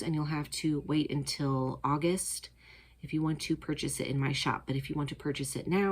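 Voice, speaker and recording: A woman's voice: sits low, slightly rough. A woman hosting a knitting podcast, chatting casually and enthusiastically with plenty of fillers. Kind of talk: casual chat to camera.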